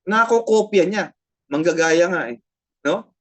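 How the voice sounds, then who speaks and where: A woman's voice: on the low side, expressive, a little slow. Woman, Filipino accent, pastor, sermon, code-switching, repetitive, tag questions. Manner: switches between Tagalog and English, repeats phrases, frequent tag questions.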